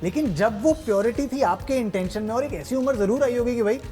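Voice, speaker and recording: Upbeat sports interviewer guy, pretty high voice, keeps saying correct, light music under it. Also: expressive, fairly quick. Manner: enthusiastic, affirming, chatty. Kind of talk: casual interview.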